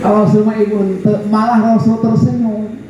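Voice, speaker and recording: A man's voice: high-pitched, level tone, normal speed. A man with a Sundanese accent preaching a sermon to a women's gathering, telling stories and acting out the voices in them. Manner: storytelling, acts out quoted voices, jokes with audience. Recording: very echoey hall, dull lo-fi sound, faint noise.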